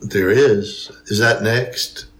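A man's voice: fairly low pitch, steady tone, slow pace. A man co-hosting a podcast in casual chat, making wry jokes. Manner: jokey, wry. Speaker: podcast co-host. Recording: echoey room with loud hiss.

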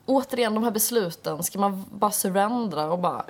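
A young woman in casual chat, telling stories with animated acted-out quotes. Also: medium pitch. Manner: animated storytelling, acts out quoted voices.

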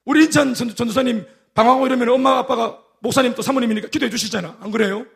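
Preaching a sermon very fast in a Gyeongsang dialect, a male pastor tells stories with lively animation. His gravelly voice is high for a man, and he acts out the quoted lines of the people in his stories.

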